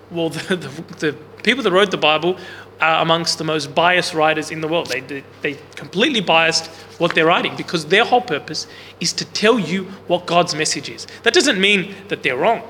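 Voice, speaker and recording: Leading an interactive Bible class in a large room, a teacher with a loud, slightly high voice talks casually and frequently questions the group. No microphone is on him; a recorder placed in the room captures a long hall reverb and faint background hiss.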